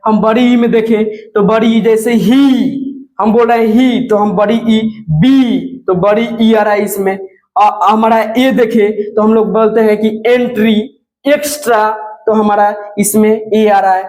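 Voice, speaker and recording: A man with a high voice teaches English letter sounds to beginners. He talks slowly and patiently, saying each example word two or three times. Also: steady tone, a little mellow, low-quality recording. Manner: slow, repeats example words several times. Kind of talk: classroom lesson on letter sounds.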